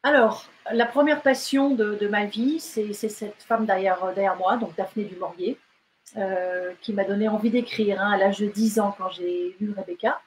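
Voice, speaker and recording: A novelist from France and Britain, a woman, chats casually in an interview, hesitant and prone to fillers and restarts. She has a medium-pitched, fairly even voice at normal speed, and the poor audio carries slight background noise.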